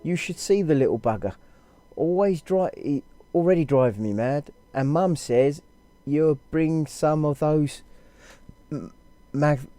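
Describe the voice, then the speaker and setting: A man's voice: a little high, measured pace, mellow, dry recording, lightly acted. A man voicing a blunt, crude young woman reading a letter to her sister aloud, stumbling through it in a put-on accent.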